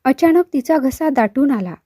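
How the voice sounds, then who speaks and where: Woman storyteller, high voice, warm, dry studio-like sound. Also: no echo. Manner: measured, expressive narration. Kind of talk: reading a short story aloud.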